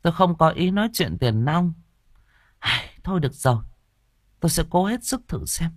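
A man voicing a stern female spirit medium in a village, speaking in a solemn, measured way. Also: fairly high pitch, lively intonation, no room sound, clean studio sound, pitched above the performer's own voice. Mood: reluctant.

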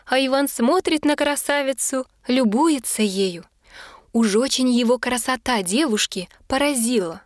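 Give me a woman reading a fairy tale aloud in a measured storytelling manner. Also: a little high, no room sound, clean studio sound.

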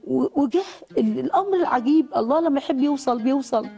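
A woman's voice: high voice, animated, quick pace, gravelly, dark tone, faint music behind. A woman with an Egyptian accent telling a fervent, prayerful personal testimony. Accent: Egyptian Arabic. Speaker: guest giving testimony.

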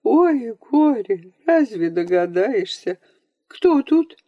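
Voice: medium pitch, very animated, takes it slowly, no room sound, dull audio, voice pushed up. A reader voicing a blind old village grandmother who wails and laments in a singsong. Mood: lamenting, then stern. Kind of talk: audiobook character voice.

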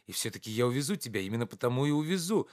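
Man putting on an urgent energetic friend, higher and louder than the narration, fast insistent talk. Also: close to an everyday voice. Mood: urging. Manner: raised, fast, insistent pleading.

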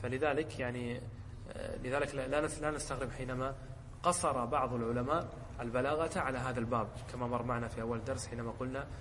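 A man, a sheikh teaching a lesson, who explains a poem, often checks whether his students follow, and slows down to quote examples. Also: mid-range voice, steady tone, fairly bright tone, in a large hall, a little hiss or hum. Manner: asks the class short checking questions. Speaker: sheikh teaching Arabic rhetoric.

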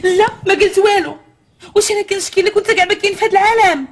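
A woman's voice: very high-pitched, rapid-fire. An actress playing a Moroccan wife who nags and complains to her husband in film dialogue. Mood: scolding. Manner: nagging, complaining. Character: nagging married woman, scolding her husband.

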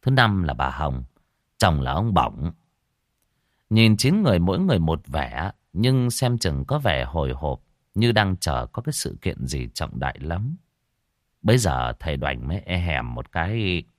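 Lively storyteller man. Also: deep voice, measured pace, no echo, clean studio sound. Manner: lively, colloquial, earthy. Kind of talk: spoken story narration.

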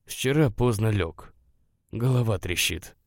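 A man's voice: on the low side, lively intonation, measured pace, creaky, no room sound, exaggerated voice. A man reading aloud voices an irritable, stubborn young man who answers curtly. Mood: grumbling. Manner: dry, curt, grumbling.

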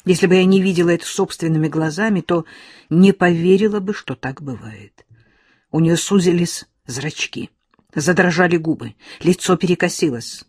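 A woman reading a first-person audiobook in an even, measured storytelling manner. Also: lowish voice, slightly rough, no echo, studio quality. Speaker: audiobook narrator.

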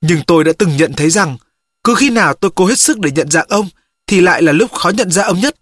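Steady, dry audiobook narrator. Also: mid-range voice, a little fast, dry recording. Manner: steady first-person storytelling.

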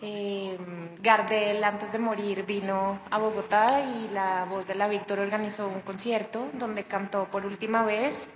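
A woman's voice: mid-range voice, fairly even intonation, measured pace, hardly any pauses, roomy sound, slight background noise. A woman chatting casually on a radio program about a sound project, with many restarts. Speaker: guest, sound project organizer.

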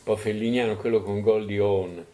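Male panelist, lowish voice, loose anecdotal delivery with lots of "eh" and "no?". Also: steady tone, normal speed, over a noisy crowd. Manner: digressive, many fillers and tag questions. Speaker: panelist at a book presentation. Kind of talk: anecdotal public talk. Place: bookshop event room.

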